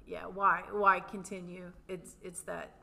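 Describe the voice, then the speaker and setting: Slow-spoken, low-voiced woman. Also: little pitch movement, vocal fry, pushed and bright. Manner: thoughtful, earnest. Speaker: educator, podcast guest. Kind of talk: casual chat.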